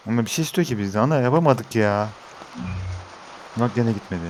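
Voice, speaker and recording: A man's voice: mid-range voice, expressive, a little fast, darkish tone, slight background noise. A young Turkish man giving let's-play commentary, talking to his viewers and getting frustrated with the game. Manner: exasperated, talks to viewers as he plays. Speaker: gaming YouTuber.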